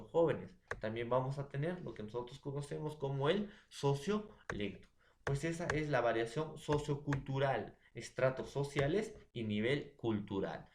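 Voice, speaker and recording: A man's voice: mid-range voice, slight background noise. A man with a Peruvian accent teaching a class, laying out examples one after another and often checking in with his students. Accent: Peruvian Spanish. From Peru. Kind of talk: classroom lecture. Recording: echoey room.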